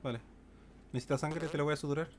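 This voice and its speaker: A man's voice: fairly high pitch, steady tone, very fast, background noise. A man with a Chilean accent giving tactical orders as squad leader in casual online game chat.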